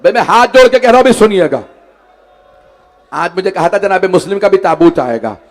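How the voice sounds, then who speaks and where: A man delivering an impassioned mourning sermon at a religious gathering. His narration rises into wailing shouts. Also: high voice, lively intonation, brisk. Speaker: majlis orator.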